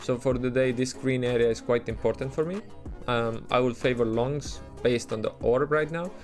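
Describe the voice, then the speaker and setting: A man's slightly mellow, mid-range voice carries a steady tone at normal speed over soft background music. He has an Estonian accent and streams live, answering his chat in loose, chatty casual commentary with plenty of fillers and restarts.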